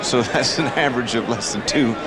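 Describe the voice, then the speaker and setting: A man's voice: mid-range voice, a little fast, poor audio. A man giving live ringside boxing commentary, filling in background on the fighters. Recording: loud arena crowd, heavy background noise.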